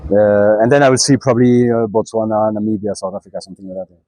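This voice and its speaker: A young man, a cyclist answering questions in a relaxed interview, pausing and restarting often. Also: on the low side, no echo, rough recording. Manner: halting, many restarts and fillers. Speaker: traveling cyclist.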